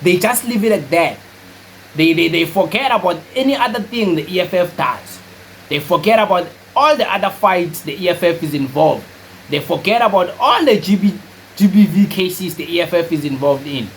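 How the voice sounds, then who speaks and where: A man's voice: sits high, moderate pace, slight background noise, low-quality recording. A young South African man giving casual, emphatic political commentary, repeating his points and slipping Zulu phrases into his speech. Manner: animated, repetitive and emphatic, mixes in Zulu phrases.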